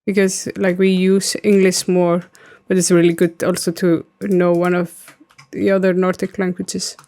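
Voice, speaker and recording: During a casual gaming stream, a thirtyish woman from Iceland answers viewers' chat in a rambling way, full of ums and likes, with an Icelandic accent. Her voice is fairly low, level and dark, and her pace is a little slow.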